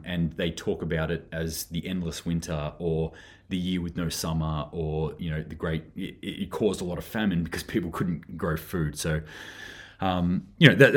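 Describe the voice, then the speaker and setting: A man with a low, husky voice hosts a casual livestream news chat. He rambles earnestly, restarting sentences and filling pauses with ums. The delivery is relaxed and conversational. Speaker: host of a daily preparedness news show.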